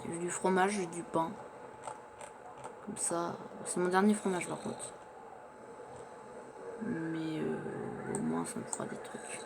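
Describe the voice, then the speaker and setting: A man whose voice is a little high and gravelly sounds very animated yet speaks at a slow pace, pausing often. Staying in character, he chats and narrates his survival gameplay, frequently stumbling over his words, with background noise present.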